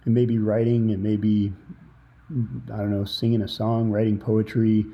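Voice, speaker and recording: A man's voice: on the low side, flat delivery, moderate pace, lo-fi sound. A man hosting a solo motivational podcast from under a towel in a small office, talking informally and reflectively as he thinks aloud. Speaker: podcast host. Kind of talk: free-flowing motivational solo podcast talk. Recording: improvised, under a towel at the computer.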